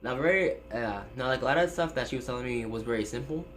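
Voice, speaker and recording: Talking fast in a medium-pitched, slightly bright voice, this teenage YouTuber chats casually from his bedroom and stutters. At seventeen, he rambles with plenty of fillers and restarts. A phone placed in the room records him, with a little hiss or hum.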